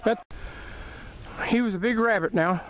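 A man's voice: high-pitched, measured pace. A man with a Southern US accent giving casual running commentary on a hunt while filming outdoors. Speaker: hunter filming a rabbit hunt. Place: outdoors in brushy woods. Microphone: handheld camera held by the speaker. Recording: outdoor handheld camera, faint noise.

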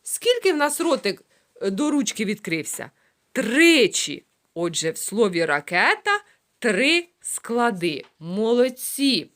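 Slow, lively-voiced woman teaching young children. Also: on the high side. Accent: Ukrainian. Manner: slow, drawn-out syllables, sounding out words. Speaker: preschool teacher. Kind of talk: children's phonics lesson.

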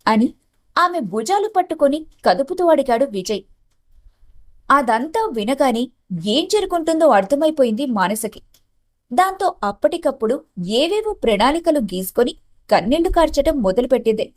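A woman narrating an animated moral story in a plain, steady storytelling manner. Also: high-pitched, normal speed.

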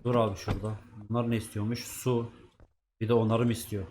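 A man's voice: lowish voice, level tone, a little fast, noisy background. A man giving casual let's-play commentary, chatting to himself and swearing at the game's characters. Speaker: gaming YouTuber.

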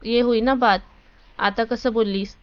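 A woman's voice: on the high side, fairly even intonation, a little slow, clean tone, natural voice. A woman voicing a cheerful young woman friend in a read-aloud story, joking playfully. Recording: dull lo-fi recording.

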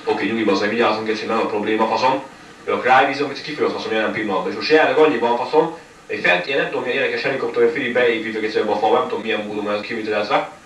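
A man giving live commentary on his own game run, cursing all the time and snapping into angry yells. He sounds set back from the mic in an echoey room, with a faint hiss underneath. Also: lowish voice, far from the mic. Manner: swears constantly, frustrated outbursts. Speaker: gamer commentating a playthrough.

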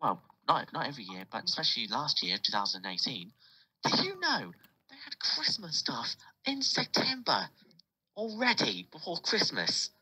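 A British man in his late teens chats on his podcast. His husky voice sounds bright and forceful, and he rambles through stories with many restarts. His pitch swings widely as he talks. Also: sing-song, normal speed, low-quality recording. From United Kingdom. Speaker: podcast host. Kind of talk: casual group chat.

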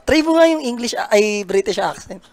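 A man co-casting a video game match. He drifts into jokes and stories between plays and laughs often. The tone stays relaxed and playful. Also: very high voice, moderate pace. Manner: joking storyteller, laughs often. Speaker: esports co-caster. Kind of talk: casual game commentary.

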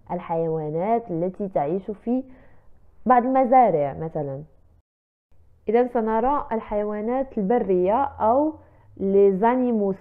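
Female language teacher, very slow, careful repetitions, thin phone-quality sound. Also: medium pitch. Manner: slow, carefully repeated French words between quicker Arabic explanations. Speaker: French teacher. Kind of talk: language lesson.

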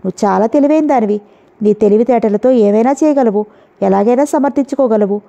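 A woman voicing a jealous young wife who speaks in sharp, sarcastic taunts, read in a storybook. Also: fairly high pitch, fairly quick, gravelly. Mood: scornful. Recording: dull lo-fi audio.

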